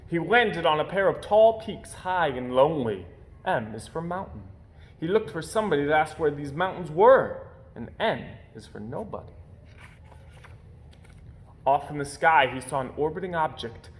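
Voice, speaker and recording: Reading aloud from a children's picture book, a man with a voice on the high side performs as an expressive storyteller and hits key words with theatrical emphasis.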